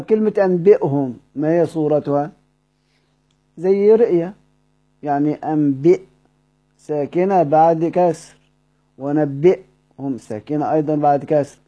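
A man with an Egyptian Arabic accent teaching Quran recitation, explaining a poem line by line, asking the class questions and slowly repeating words. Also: a little high, dark tone, highs cut off.

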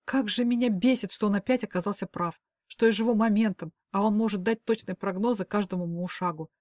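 A woman's voice: medium pitch, a little fast, a little mellow, no echo. Audiobook narrator: woman, first-person, dramatic and emotive, dry close sound.

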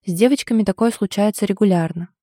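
A woman voicing a tipsy, sulky young woman who answers with huffy sarcasm, a little higher and louder than her narration. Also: fast talker, no echo, studio quality, close to an everyday voice. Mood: sulky, sarcastic.

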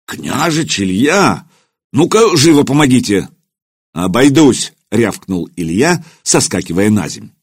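A man narrating an audiobook with expressive storytelling. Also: on the low side, slightly rough, no echo, clean studio sound.

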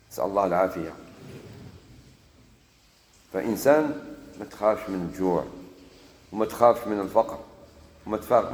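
Algerian preacher in an echoing hall. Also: male voice, lowish voice. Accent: Algerian Arabic. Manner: quotes scripture solemnly, then explains in lively everyday dialect. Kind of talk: sermon mixing classical Arabic and dialect.

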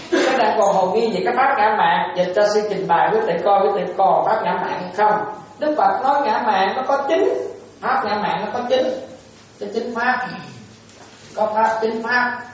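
Vietnamese monk preaching in an echoey hall. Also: male voice, sits high, moderate pace, slight background noise. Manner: asks the audience questions, plays out little dialogues. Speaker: Buddhist monk teacher. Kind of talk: dharma talk to lay followers. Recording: echoey room, voice far from the mic.

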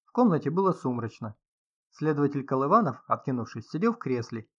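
A man reading a detective story aloud in a steady, measured, dramatic narration. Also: medium pitch, breathy edge. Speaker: audiobook narrator. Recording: slightly dull lo-fi sound.

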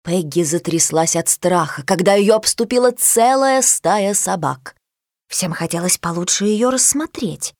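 A woman narrating a children's storybook with an expressive, lively reading. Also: on the low side, unhurried, no echo, clean studio sound.

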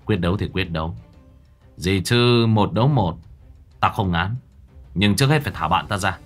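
A man voicing a cold, determined young sorcerer who speaks in a low, clipped voice. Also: animated, moderate pace, faint music behind. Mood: resolute.

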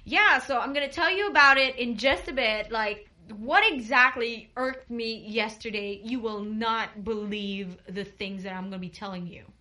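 A woman's voice: on the high side, moderate pace, few pauses. A woman, chatting casually as a radio host with lots of fillers. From Cebu, Philippines. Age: 20s. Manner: chatty, animated, full of fillers.

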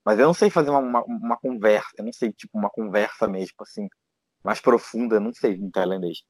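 A man's voice: lowish voice, fast talker, a little mellow, husky, dry recording. A Brazilian man, a guest in a casual interview, talking in a rambling way with many fillers and restarts. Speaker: guest, teacher living abroad.

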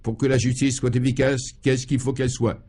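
A man's voice: mid-range voice, flat delivery, fairly quick, darkish tone, slightly rough, natural voice. A man voicing an irascible, blustering male governor in a radio play, bellowing in sputtering tirades. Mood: furious. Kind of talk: 1950s radio play acting.

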